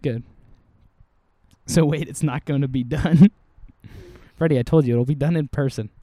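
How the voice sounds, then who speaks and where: A man's voice: fairly high pitch, unhurried, warm tone, no echo. A man co-hosting a casual podcast, joking and laughing often as he talks to a desk microphone. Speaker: podcast co-host. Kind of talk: casual chat.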